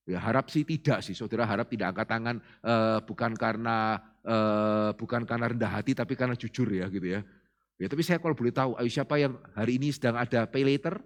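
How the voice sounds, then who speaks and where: Conversational pastor preaching. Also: male voice, medium pitch. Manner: conversational preaching with frequent "ya" and questions to the congregation. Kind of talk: sermon.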